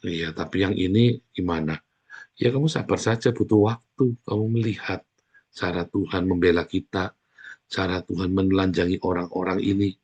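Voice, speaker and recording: A man preaching a sermon as pastor, speaking in an animated way with sudden loud exclamations. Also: low-pitched, moderate pace, husky, muffled recording.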